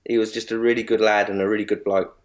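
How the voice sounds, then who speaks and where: A man's voice: lowish voice, little pitch movement. Rambling man sharing fond memories. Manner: rambling, halting with many restarts. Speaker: guest. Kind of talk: reminiscing in an interview.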